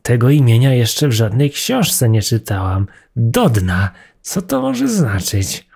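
A man's voice: big pitch swings, slow pace, creaky, darkish tone, breathy edge, full character voice. A man voicing a naive, trusting female mouse who wonders aloud in a raised voice. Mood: puzzled. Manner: high, wondering exclamations.

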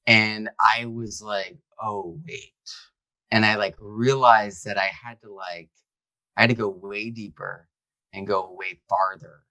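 A man's voice: lowish voice, little pitch movement, measured pace, sharp tone, no room sound. A male author being interviewed, speaking casually and animatedly with lots of "like". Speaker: author and guest. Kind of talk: conversational interview.

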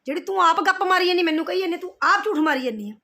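Woman, middle-aged, high voice, rapid scolding rant. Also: pushed and bright. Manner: scolding, confrontational, repeats herself. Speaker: vlogger replying to roasters. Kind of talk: heated direct-to-camera rant.

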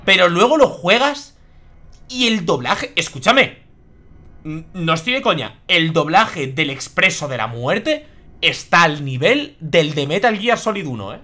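Animated Spanish male game streamer. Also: a little high, measured pace. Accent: Spain. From Spain. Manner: chatty, swears freely, reacts aloud. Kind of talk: live gameplay commentary.

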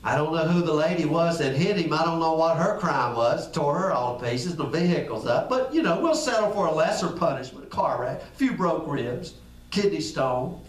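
A man preaches in a folksy, conversational way, his voice sitting high for a man. He sounds echoey and a little distant from the mic, as if recorded in a big room. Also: expressive, normal speed. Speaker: pastor. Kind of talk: sermon.

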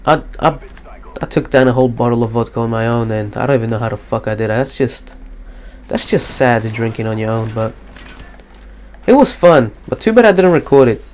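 Monotone, swearing gamer commentator man. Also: medium pitch, brisk, a little hiss or hum. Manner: slightly depressed, monotone, swears casually. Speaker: gaming commentator. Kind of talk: casual live gameplay commentary.

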